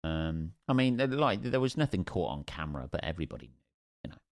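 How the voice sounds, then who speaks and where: Speaking low and brisk with big pitch swings, a young Northampton man with an English accent, a stand-up comic, rambles through a sweary story on his solo podcast, peppered with jokey asides. Studio-quality sound, no echo.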